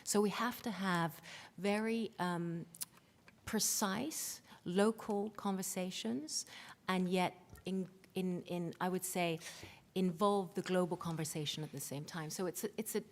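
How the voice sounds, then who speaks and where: A woman giving halting, emphatic panel remarks in front of an audience. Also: fairly low pitch, steady tone. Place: large conference hall. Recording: echoey hall with long reverb.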